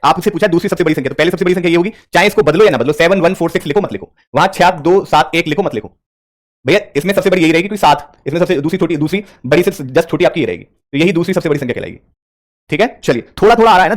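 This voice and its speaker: A man's voice: high-pitched, expressive, very fast. A man teaching reasoning for bank exams in a live online class, speaking mixed with English terms and talking straight to his students.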